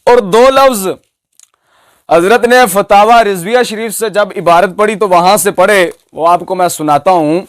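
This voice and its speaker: Mocking high-voiced male preacher. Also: no echo, clean studio sound. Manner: mocking, emphatic, picks apart pronunciation. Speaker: Islamic preacher. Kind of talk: polemical religious speech.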